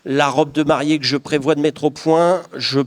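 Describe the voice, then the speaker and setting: A middle-aged craftsman from the Paris region of France answers interview questions earnestly and reflectively, often restarting his sentences. His voice sits on the high side, with fairly even intonation and a normal speed.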